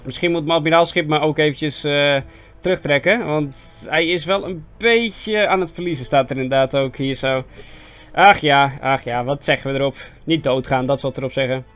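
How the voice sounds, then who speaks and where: A young Dutch man giving casual, self-mocking commentary on a strategy game, chatty with sudden excited yelps. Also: a little high, moderate pace. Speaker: gaming video host. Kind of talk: casual let's-play commentary. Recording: faint game music behind voice.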